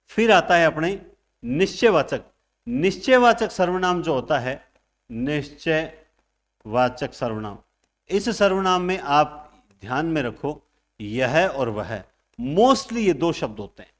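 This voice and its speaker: A man lectures on grammar in a fairly high voice. He leans hard on key words, swinging his pitch and loudness to drive points home, and slips into a student's voice to ask questions. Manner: lively, emphatic, stresses words with big pitch and loudness swings; acts out students' questions and everyday examples. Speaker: Hindi grammar teacher. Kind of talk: online exam-prep lecture.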